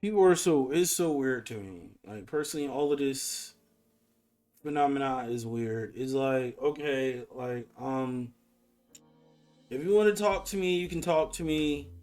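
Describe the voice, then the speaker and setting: Soft music plays in the background as an online voice chat host in his twenties talks unhurriedly, his medium-pitched voice somewhat dark. The conversation is casual and combative, peppered with slang and profanity.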